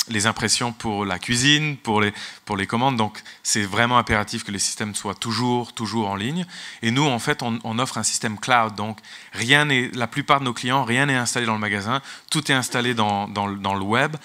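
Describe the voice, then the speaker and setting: Speaking at a business conference as a tech executive, a native English-speaking man has a fairly low pitch and a pushed, bright sound. His conference talk is marked by frequent restarts and repeated words.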